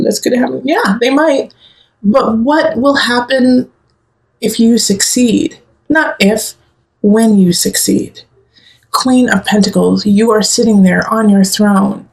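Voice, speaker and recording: A woman talks through a tarot reading in an easy, conversational way. She reassures the listener directly and often doubles back to repeat a word. Her voice sits at an ordinary middle pitch. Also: poor audio. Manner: chatty, reassuring, repeats words, direct address. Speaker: tarot reader. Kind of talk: casual spoken tarot reading.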